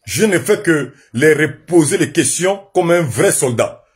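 A man from Gabon with a Gabonese French accent, loudly and emphatically telling the story of his detention and trial. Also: on the high side, expressive, measured pace, slightly rough. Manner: loud, emphatic, says his voice is naturally loud, laughs while telling. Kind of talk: animated personal storytelling to an audience.

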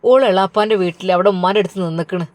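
A woman voicing a calm, matter-of-fact middle-aged father with a Malabar Malayalam accent. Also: medium pitch, racing, no room sound, natural voice. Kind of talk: storybook narration.

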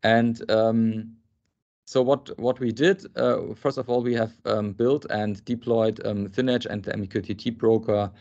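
A man in his thirties walks through slides on a video call, pausing with frequent ums and restarting his sentences. His low voice has a gravelly edge. The call audio is dull and lo-fi. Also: little pitch movement, darkish tone. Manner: hesitant, many ums and restarts. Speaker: software architect presenting. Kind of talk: technical presentation on a video call. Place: indoor office.

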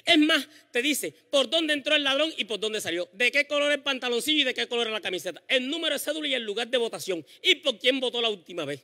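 Man playing a calm coastal father, quick and persuasive, live reverberant stage. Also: extremely high pitch, full character voice. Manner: soothing and persuasive. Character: calm, scheming middle-aged father.

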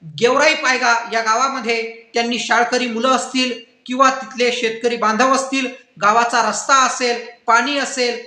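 A man with a very high-pitched, pushed, bright voice speaks in an echoey room. As a political commentator, he delivers an impassioned, oratorical campaign appeal, rousing his listeners and addressing viewers as friends and brothers.

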